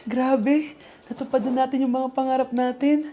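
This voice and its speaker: A woman performing short comedy sketches, switching lively between several everyday characters. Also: sits high, moderate pace, lo-fi sound. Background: background music.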